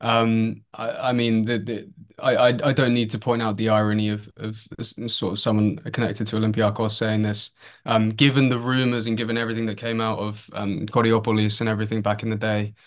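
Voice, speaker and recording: A man's voice: lowish voice, completely flat delivery, fairly quick. A man, a sports journalist guest on a podcast, chatting casually in a wry, hesitant way. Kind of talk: casual football chat.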